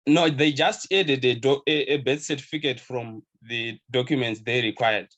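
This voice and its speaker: A man's voice: mid-range voice, moderate pace, a bit bright, dull audio. A man from Zimbabwe, a pharmacy graduate attending a webinar over a video call, speaking hesitantly with frequent restarts. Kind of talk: casual webinar Q&A.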